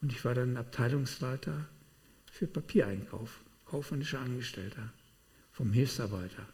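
A man preaching a sermon, telling personal testimony in an animated way with sudden swings between loud and quiet. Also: mid-range voice, moderate pace. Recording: long hall reverb.

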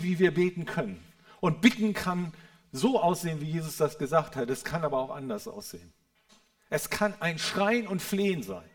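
A man preaching a sermon in an earnest way, moving between quiet, reverent passages and loud, fervent ones, often checking in with the listeners. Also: sits high. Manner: addresses listeners with a questioning "Ja?".

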